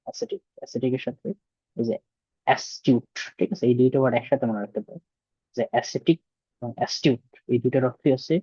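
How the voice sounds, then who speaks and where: A man's voice: medium pitch, dark tone, breathy edge, no echo, lo-fi sound. A man teaching vocabulary for exam prep, explaining with memory tricks and constant rhetorical questions. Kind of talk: vocabulary lesson.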